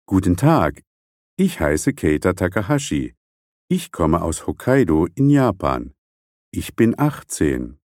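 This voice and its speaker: A young man playing a polite student in a scripted textbook dialogue, speaking carefully and deliberately. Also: sits low, very animated, darkish tone, no room sound, clean studio sound, full character voice. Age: young adult. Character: young man introducing himself.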